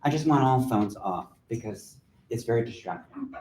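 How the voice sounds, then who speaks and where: A man's voice: medium pitch, lively intonation, normal speed, darkish tone, a little hiss or hum. A male-voiced poet giving a candid, chatty talk and reading poetry aloud to an audience in a lecture room. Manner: candid, blunt, chatty with asides. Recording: roomy echo from a lecture hall.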